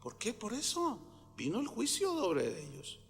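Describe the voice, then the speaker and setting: High, bright-voiced preacher in a hall. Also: male voice, huge pitch swings, a little slow, gravelly, breathy edge, faint music behind. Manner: emphatic preaching, asks the congregation questions. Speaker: pastor. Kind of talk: sermon.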